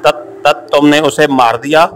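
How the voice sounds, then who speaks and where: A man's voice: fairly high pitch, steady tone, measured pace, a bit bright, slight background noise, voice pushed up. A man voicing a captured, panicked army captain in an audiobook, stammering and flustered. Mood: frightened. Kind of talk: audiobook character reading.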